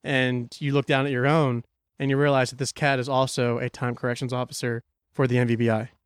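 A man's voice: mid-range voice, little pitch movement, brisk, smooth, no room sound. A man narrating as game master of a tabletop role-play, joking and loose, often restarting phrases.

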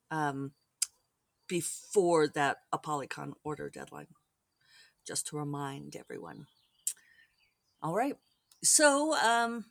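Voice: mid-range voice, gravelly, no room sound. An author hosting their own podcast, talking to readers in a rambling, chatty solo update with many restarts and asides. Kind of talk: casual solo podcast chat.

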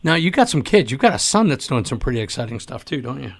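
A man hosting a casual interview, joking and teasing with quick questions. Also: medium pitch, sing-song, vocal fry. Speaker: host.

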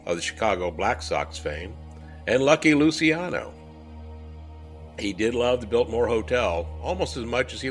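A man hosting and narrating a ghost story, dramatic in the telling and chatty between tales. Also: medium pitch. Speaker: host and storyteller.

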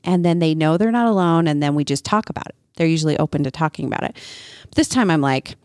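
A woman in her thirties co-hosting a podcast, telling a family story in a casual, animated way. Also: sits low, quick pace, no room sound, studio quality. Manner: animated, acts out family members' voices in her retelling. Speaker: podcast co-host.

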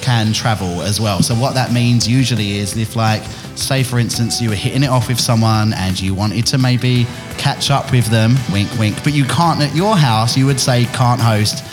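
Over music, an Essex-accented podcast host from England chats with guests around a table, speaking at medium pitch and normal speed with hardly any pauses. He's chatty, jokey, and playful.

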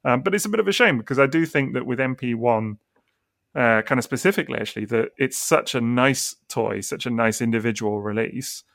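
A man's voice: medium pitch, fairly quick, vocal fry, a bit bright, no echo, studio quality. A man hosting a casual chat, thoughtful and easily amused. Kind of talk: casual chat about collectible toys.

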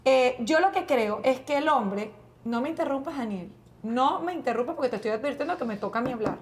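A woman in her thirties with a Venezuelan accent, co-hosting a comedic talk show and ranting in an animated, exasperated way. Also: high voice, fairly quick, a little hiss or hum. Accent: Venezuelan Spanish. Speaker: co-host. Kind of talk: casual comedic banter.

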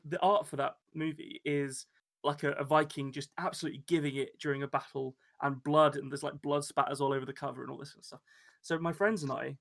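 A man co-hosting a podcast, chatting casually and halting often, with many restarts and filler words. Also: on the high side, fairly bright tone. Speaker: podcast co-host. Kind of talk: casual chat.

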